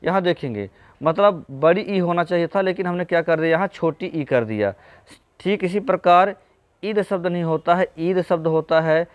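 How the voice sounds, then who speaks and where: A man's voice: sits high, moderate pace, no room sound. A man teaching an exam-prep spelling lesson, patiently going through correct and incorrect word forms and addressing viewers as friends.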